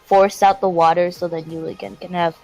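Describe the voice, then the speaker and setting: A woman's voice: on the low side, level tone, brisk, a little mellow, faint music behind, rough recording. A woman playing a tabletop game, describing her character's actions hesitantly with many fillers. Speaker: player. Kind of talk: casual tabletop play.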